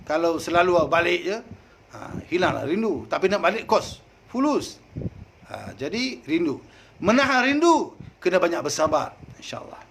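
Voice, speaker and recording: A man with a Malaysian Malay accent giving a folksy sermon, dropping frequent "ha" interjections and swinging from loud to soft. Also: sits high, a little hiss or hum. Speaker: preacher.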